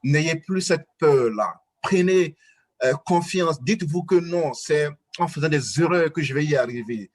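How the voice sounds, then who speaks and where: A man's voice: a little high, animated, a little slow. A man with an Ivorian French accent giving earnest advice in a webinar, full of fillers and restarts. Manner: hesitant, many fillers and restarts, urging. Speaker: guest speaker.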